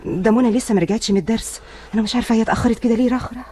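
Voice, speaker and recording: A woman's voice: fairly high pitch, racing, mellow, close to an everyday voice. An Egyptian actress playing a worried wife who soothes and reassures her husband. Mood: soothing. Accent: Egyptian Arabic. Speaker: wife and mother. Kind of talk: film drama acting.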